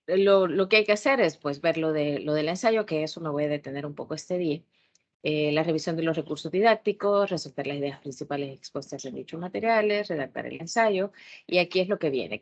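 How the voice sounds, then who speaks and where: A woman with a Salvadoran accent giving an online tutorial lecture as a university tutor, strict and instructive, often pausing with hesitation fillers. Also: low-pitched, muffled recording. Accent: Salvadoran Spanish. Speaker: university math education tutor.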